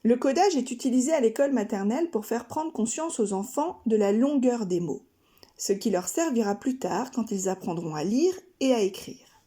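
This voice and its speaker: A woman from France, a kindergarten teacher narrating a scripted lesson, speaking slowly and carefully articulating each syllable. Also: on the high side, expressive, warm tone. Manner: slow, carefully articulated, splitting words into syllables.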